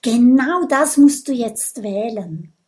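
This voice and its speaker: A woman's voice: on the high side, animated, slow, a little mellow. A woman voicing Kokosnuss, a cheerful little dragon. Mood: eager.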